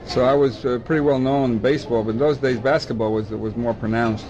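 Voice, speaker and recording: A man's voice: mid-range voice, steady tone, brisk, dull audio. An older man from the Dominican Republic, a baseball scout, talking at length in an oral history interview and often repeating himself as he goes. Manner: rambling, repeats words and restarts often.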